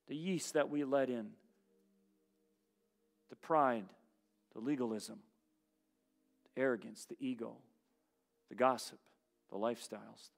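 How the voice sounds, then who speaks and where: A man preaching a sermon to his congregation as pastor. He asks rhetorical questions and swings between loud emphasis and hushed asides. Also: medium pitch, measured pace, gravelly, pauses often. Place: church.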